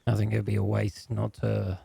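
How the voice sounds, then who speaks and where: A man speaking in character in a roleplay game, calm, firm and matter-of-fact. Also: fairly low pitch, normal speed, vocal fry, breathy edge. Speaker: roleplay gamer.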